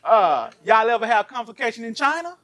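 High, bright-voiced pastor preaching. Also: male voice, a little fast. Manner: animated, asks the congregation many rhetorical questions. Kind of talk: lively sermon. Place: church.

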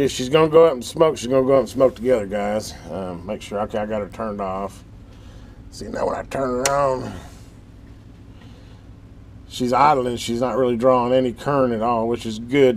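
A middle-aged man with a mid-range, slightly mellow voice hosts a radio repair channel. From his workshop in a metal building, with background noise, he offers casual, folksy repair commentary that rambles like he's thinking aloud.

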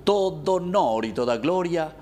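Solemn Paraguayan priest at Mass. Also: male voice, fairly high pitch, expressive, warm tone, slight background noise. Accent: Paraguayan Spanish. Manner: solemn, measured, drawn-out phrasing. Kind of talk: liturgical recitation at Mass. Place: small indoor chapel. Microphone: fixed camera at the altar.

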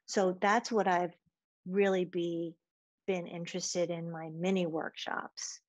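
Slow, low-voiced woman telling stories. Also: little pitch movement, no room sound. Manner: thoughtful, storytelling, laughs easily. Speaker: podcast guest, Pilates teacher. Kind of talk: casual interview chat. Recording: dull, dry lo-fi sound.

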